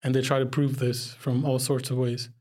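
A man's voice: mid-range voice, flat delivery, moderate pace, a little mellow. A young man from Pakistan, a podcast guest talking casually and reflectively, often breaking into laughter. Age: young adult. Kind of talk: casual conversation.

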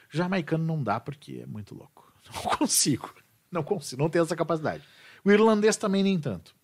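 Guy, english teacher, chatty, voice swings up and down a lot. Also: medium pitch. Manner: animated, repeats and restarts words. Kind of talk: casual podcast chat.

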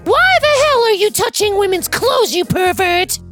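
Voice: extremely high pitch, sing-song, moderate pace, fairly bright tone, faint music behind, pitched above the performer's own voice, heavily acted. The story narrator voicing a rude, aggressive entitled mother who stretches her words out with a sneer. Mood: accusing.

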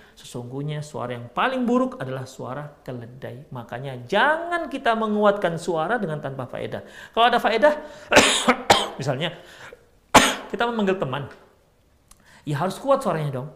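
A male Islamic preacher with an Indonesian accent, reciting Arabic slowly and then explaining it in lively everyday speech. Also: mid-range voice. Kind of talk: sermon with Arabic text reading and explanation.

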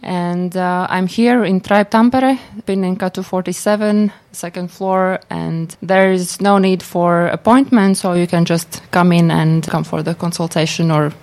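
A woman's voice: lowish voice, fairly even intonation, a little slow, hardly any pauses, a little mellow. A woman with a Latvian accent answering interview questions, speaking hesitantly and often repeating words as she goes. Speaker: interview guest, business consultant for entrepreneurs.

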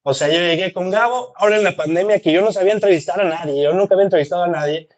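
A man co-hosts a relaxed podcast, telling stories in a friendly, slangy way. His voice sits high. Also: rapid-fire. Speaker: podcast co-host. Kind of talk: casual podcast chat.

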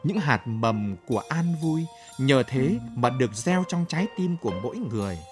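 A man presenting scripted literary commentary on the radio in a measured, formal manner. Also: medium pitch, lively intonation, music in the background. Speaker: radio literary show host.

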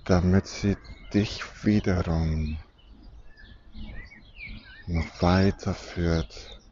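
Very slow, low, soft hypnotic man. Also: steady tone. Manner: slow, soothing, hypnotic delivery with long pauses. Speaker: relaxation and sleep hypnosis guide. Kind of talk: guided deep relaxation fantasy journey. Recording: dull muffled recording with background noise.

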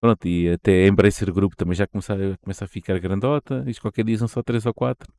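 A man with a European Portuguese accent co-hosts a podcast, chatting casually about the games industry in a rambling, slangy way and often restarting sentences. His voice is lowish, mellow and fast, with fairly even intonation, and the recording is dry.

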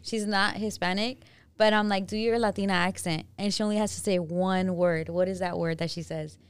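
A woman hosts a podcast in an easy, casual way. Her voice is smooth and clear, in the middle of the range for a woman. She swears freely and laughs often. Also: medium pitch, steady tone, moderate pace, dry recording. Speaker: podcast host. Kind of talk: casual chat.

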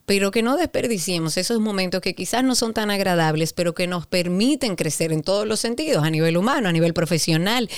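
A woman co-hosting a podcast, speaking in a calm, reflective, agreeable way. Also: medium pitch, a little fast, hardly any pauses, smooth, no room sound, clean studio sound. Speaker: podcast co-host. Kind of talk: podcast conversation.

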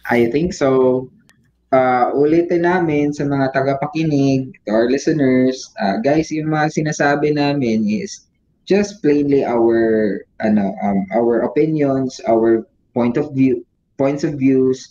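A Visayan-accented man hosting a casual podcast, talking freely and laughing often as he slips between languages. His voice sits at an ordinary middle pitch. The recording sounds dull and lo-fi. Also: takes it slowly, dark tone, slight background noise. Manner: chatty, laughs often, mixes in English. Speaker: podcast host.

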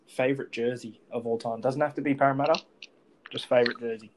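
A man's voice: mid-range voice, steady tone, fast, noisy background. An Australian man hosting a podcast, chatting casually as a sports fan. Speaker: podcast host.

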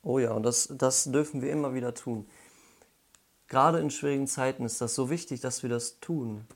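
A man giving a devotional Bible talk, explaining slowly with pauses and correcting himself as he goes. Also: mid-range voice. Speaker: Bible teacher.

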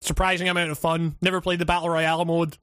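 High-voiced, profane rambling man. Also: flat delivery, fast, a bit bright, no echo, clean studio sound. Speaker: podcast co-host. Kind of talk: casual chat.

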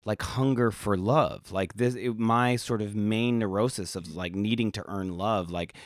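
Low-voiced american guy opening up on a podcast, lots of restarts, dry close sound. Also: no room sound. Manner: reflective, halting, many restarts. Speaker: podcast guest. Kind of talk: candid casual conversation.

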